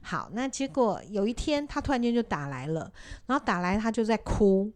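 A woman host at a mid-range pitch tells a counseling story in easy, casual talk. She pauses often with fillers and briefly takes on the voices of the people she quotes. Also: expressive. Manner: storytelling, acting out quoted speech, many fillers.

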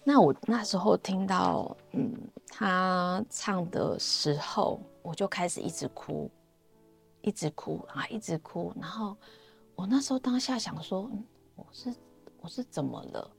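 A woman's voice: lowish voice, lively intonation, a little slow, creaky, faint music behind. A woman with a Taiwanese Mandarin accent sharing her personal faith testimony in a chatty, storytelling way, often trailing off with fillers.

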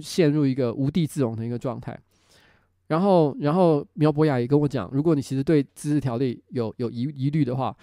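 A man's voice: medium pitch, warm tone, no room sound, clean studio sound. A middle-aged man with a Taiwanese Mandarin accent hosting a casual livestream, talking candidly and rambling with restarts. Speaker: host and city councilor.

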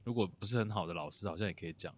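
A man's voice: low voice, no room sound, clean studio sound. A man hosting a casual podcast chat, laughing easily. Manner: quick, lively, laughs easily. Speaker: podcast host.

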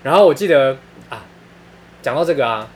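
A man's voice: mid-range voice, expressive, a little fast, a little mellow. A man with a Taiwanese Mandarin accent telling funny stories in casual chat, laughing often and using crude slang.

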